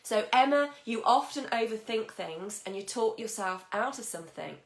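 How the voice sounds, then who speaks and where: Husky-voiced woman coaching viewers live. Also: fairly high pitch, animated, normal speed, echoey room. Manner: chatty, encouraging, greets viewers by name. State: husky, croaky voice. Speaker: mindset coach. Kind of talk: live-stream coaching talk.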